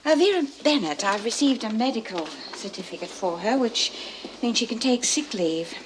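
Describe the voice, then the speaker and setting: An actress with an Australian accent playing a caring, measured woman prison governor in a television drama. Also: on the high side, animated, noisy background, natural voice. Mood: worried. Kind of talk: 1970s TV drama acting.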